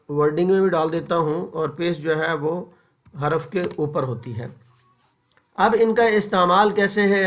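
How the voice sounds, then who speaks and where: A man teaches the pronunciation of Quranic vowel marks. He talks informally, with many fillers, and repeats each example slowly and deliberately. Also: on the high side. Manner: frequent fillers and checks for understanding. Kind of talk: informal tajweed lesson over a screen-shared book.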